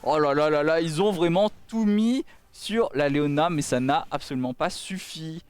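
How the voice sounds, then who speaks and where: High-pitched, clear-voiced male esports caster. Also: normal speed. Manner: exclamatory, with repeated cries of dismay and amazement. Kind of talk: excited live esports play-by-play commentary.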